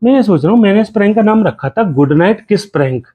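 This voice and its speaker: A man's voice: sits high, animated, quick pace, muffled recording. A young man hosting a home prank video on his wife, pleading and teasing with a laugh in casual banter.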